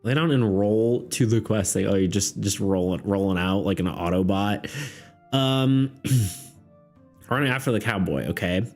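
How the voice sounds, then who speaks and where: A man's voice: lowish voice, unhurried, a little mellow. A man running a tabletop game on a live stream, rambling casually, laughing often and asking his chat for ideas. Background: faint background music.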